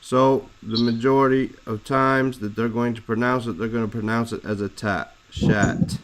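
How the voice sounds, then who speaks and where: A man teaching a lesson, explaining Arabic words slowly and deliberately, spelling out letters and roots. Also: medium pitch, steady tone, poor audio. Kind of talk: classroom explanation of Arabic text.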